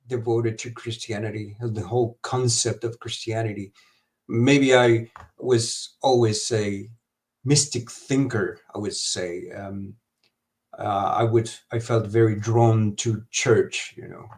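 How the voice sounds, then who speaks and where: Man, interview guest, halting delivery full of fillers, video-call mic. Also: medium pitch, a little mellow. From Honduras. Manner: halting, many fillers and restarts. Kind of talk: live stream interview over video call.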